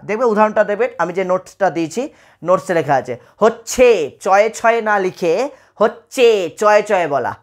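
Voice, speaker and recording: Male teacher from West Bengal, exam-prep lecture, repetitive, checks in with students often. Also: sits high. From West Bengal, India.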